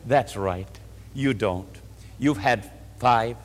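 A male preacher voicing a gentle, kindly teacher in a soft, hushed tone, in a hall with long reverb. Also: medium pitch, slow pace, pitched below the performer's own voice.

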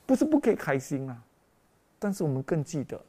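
A man's voice: fairly high pitch, big pitch swings, a little fast, mellow, slightly rough. A man preaching a Christmas sermon with emotional, dramatic exclamations, often calling out to the congregation as brothers and sisters.

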